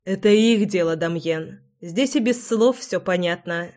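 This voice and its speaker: A reader doing a calm, dry young man. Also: high-pitched, unhurried.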